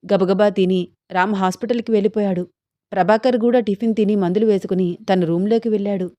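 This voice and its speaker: Mellow-voiced woman telling a love story. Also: steady tone, fast talker, no room sound. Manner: voices both lovers herself, lifting pitch for the heroine. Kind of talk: scripted story narration with acted dialogue.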